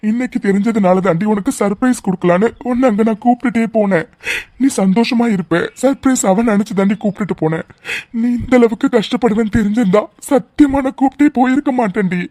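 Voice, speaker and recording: Guy voicing sorry cartoon friend and sad dad, mellow tone, dry. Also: high-pitched, fast, no echo, lightly acted. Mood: pleading. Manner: pleading, apologetic. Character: apologetic friend and grieving rich father. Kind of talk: cartoon voice acting.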